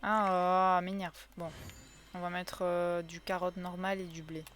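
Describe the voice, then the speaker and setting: A woman's voice: lowish voice, flat delivery, measured pace, fairly bright tone, faint music behind. A woman giving casual, chatty commentary while streaming a cozy game, talking to her viewers, counting items aloud and crying out when things go wrong. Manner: chatty, talks to viewers, counts aloud, bursts into cries of frustration.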